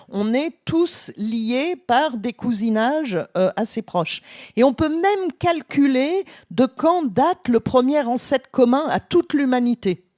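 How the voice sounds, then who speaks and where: A French woman who is a genetics professor explains things enthusiastically on a conference stage, using lots of fillers and restarts in explanatory conference conversation. Her voice is high-pitched and a little mellow, captured as clean studio sound with no room sound.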